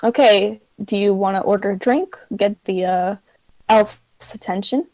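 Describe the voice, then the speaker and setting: A woman game master improvising casual tabletop narration in an informal, halting way. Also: medium pitch, a little mellow, no echo, low-quality recording.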